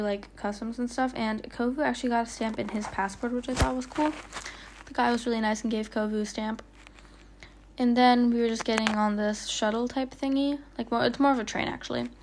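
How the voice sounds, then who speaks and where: A woman vlogger with a higher-pitched voice narrates a casual travel voiceover, not recorded on location, over a faint hiss. She's chatty and rambling, says "like" constantly, and stumbles and stutters on her words.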